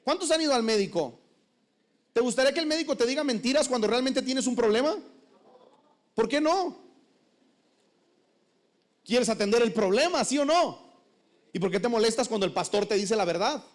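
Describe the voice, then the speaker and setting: A man preaching as a pastor, with animated, humorous delivery and many rhetorical questions. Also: very high-pitched, normal speed, pauses often. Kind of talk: sermon.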